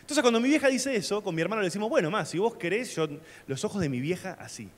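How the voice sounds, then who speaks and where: A man's voice: sits high, expressive, quick pace. Argentine man doing stand-up in a theater. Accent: Argentine Spanish. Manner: loose, slangy storytelling with sudden shouted bits. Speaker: stand-up comedian. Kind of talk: stand-up comedy set. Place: theater stage at a comedy festival. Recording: live theater with long reverb and faint ambience. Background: audience laughter.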